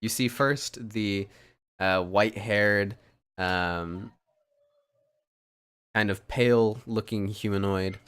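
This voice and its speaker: A man with a very low, smooth and resonant voice narrates a tabletop role-playing game as its dungeon master. He describes the scene loosely, pausing on ums and restarting his sentences. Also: fairly bright tone.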